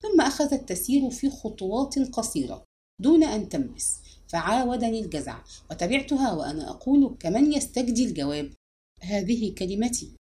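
A woman narrating a novel as an audiobook in an expressive reading voice. Her pitch sits fairly high and moves widely. The tone stays mellow and dark. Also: fairly quick.

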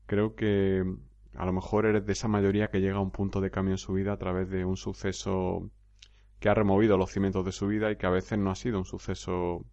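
A podcast host and coach answers a listener bluntly and emphatically in his commentary, often repeating his points. His voice sits low and sounds gravelly with a darkish tone. The recording is dry and the audio dull.

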